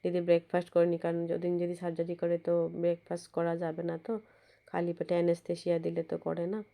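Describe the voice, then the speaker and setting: A woman narrating a home vlog as a casual voice-over. Her voice is hoarse and cracked from a cold, and she rambles and restarts her words. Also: on the low side, completely flat delivery, fast talker, dark tone. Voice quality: husky, cracked voice. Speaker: vlogger narrating her visit. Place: indoors, voice-over recorded at home. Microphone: phone.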